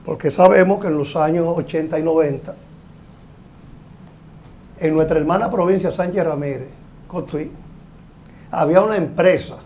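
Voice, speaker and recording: An older man with a notably high speaking voice talks through a technical subject on a panel show. He explains at length in a measured way and leans into his points now and then. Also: darkish tone, slight background noise. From Dominican Republic. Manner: explanatory, measured, occasionally emphatic. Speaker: guest engineer. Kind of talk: panel talk show discussion.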